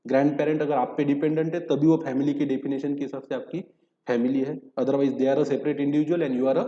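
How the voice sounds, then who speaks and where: A man's voice: a little high, mellow. A man giving a recorded lecture, explaining terms by asking questions and answering them himself, reading English legal text between spoken Hindi. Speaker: teacher. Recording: dull echoey hall recording.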